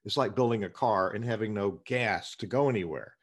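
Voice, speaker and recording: A man speaks in a husky, slightly rough voice in earnest discussion. He explains his points with emphasis, often doubling up words as he gets a phrase going. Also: on the low side, fairly quick. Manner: repeats words as he starts phrases.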